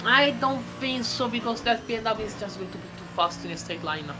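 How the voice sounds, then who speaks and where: A woman giving live sim racing commentary, chatty and rambling, breaking into excited exclamations. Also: medium pitch, fast, background noise.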